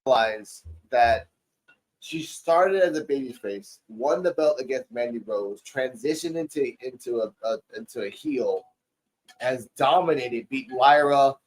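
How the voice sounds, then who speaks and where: This podcast co-host, a man in his forties, casually recaps a wrestling show, rambling loosely and profanely through the matches. His mid-range voice moves at a measured pace, and the audio is poor.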